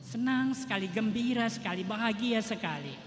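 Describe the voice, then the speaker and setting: A man's voice: high-pitched, lively intonation, moderate pace. Man preaching a sermon in church, emphatic, long echo, faint hiss behind. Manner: emphatic preaching, tag 'toh' often. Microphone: livestream mic in church. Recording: echoey church hall, faint noise.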